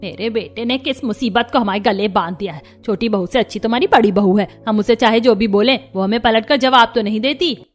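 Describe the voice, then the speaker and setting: A woman's voice: on the high side, fairly quick, few pauses, soft background music, lightly acted. A woman voicing a scornful mother-in-law. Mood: mocking. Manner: sharp, mocking. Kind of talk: cartoon voice acting.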